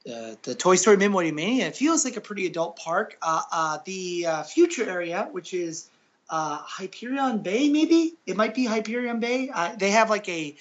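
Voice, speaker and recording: A man's voice: sits high, sing-song, normal speed, a bit bright, lo-fi sound. A man chatting as a podcast guest, rambling with lots of uhs, ums and restarts. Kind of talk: casual podcast chat.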